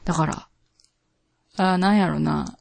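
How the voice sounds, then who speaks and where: A woman's voice: on the low side, measured pace, gravelly, a little mellow, no echo. A woman with a Kansai accent hosting a casual radio show, reading listener mail in a chatty, laughing way. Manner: chatty, laughs often, self-conscious. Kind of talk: casual talk radio chat.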